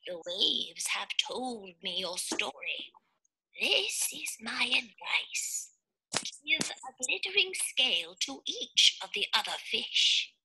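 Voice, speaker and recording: A woman voicing a wise female octopus in a storybook reading, speaking slowly in a hushed, solemn way. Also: on the high side, big pitch swings, slight background noise, pitched above the performer's own voice, heavily acted, rough recording.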